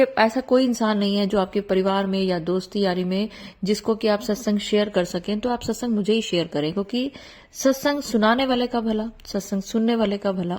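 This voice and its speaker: Earnest devotional host, a middle-aged woman with a warm, mellow voice who pleads and repeats herself. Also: mid-range voice. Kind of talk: devotional talk to followers.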